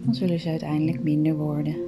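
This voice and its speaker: A woman guiding a meditation in a soft, soothing voice that often drops to a breathy whisper. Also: deep voice, flat delivery, quick pace, over loud music. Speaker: meditation guide. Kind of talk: guided meditation.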